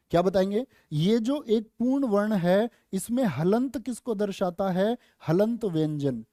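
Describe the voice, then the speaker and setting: A male Hindi teacher giving an exam-prep lesson, quizzing students with rhetorical questions, joking asides and slow, careful pronunciation drills. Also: high-pitched, warm tone, dry recording, clean studio sound.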